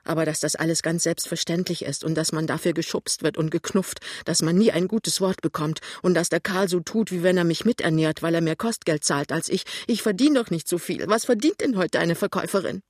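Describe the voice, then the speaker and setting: A woman reader voicing a young, earnest shop assistant, talking in quick, pleading bursts in an audiobook. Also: on the low side, darkish tone, no room sound, studio quality, close to an everyday voice. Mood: earnest, lively. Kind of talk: audiobook reading.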